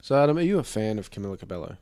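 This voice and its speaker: A man's voice: on the low side, big pitch swings, rapid-fire, warm tone. A man co-hosting a casual comedy chat with dry, easygoing banter. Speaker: podcast co-host.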